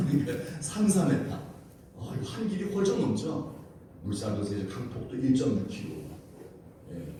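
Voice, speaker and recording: Captured on a far-off microphone in a very reverberant church sanctuary, with light hiss underneath, a pastor delivers his Wednesday prayer service sermon. His dark, mellow, mid-range voice rises and falls dramatically as he energetically tells the story and repeatedly puts questions to the congregation.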